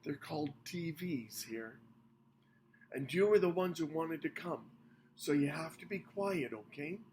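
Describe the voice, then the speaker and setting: A man voicing a flustered young boy who scolds his friends in a hush. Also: fairly high pitch, expressive, measured pace, a little hiss or hum, pitched above the performer's own voice. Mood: exasperated. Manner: exasperated, hushed scolding.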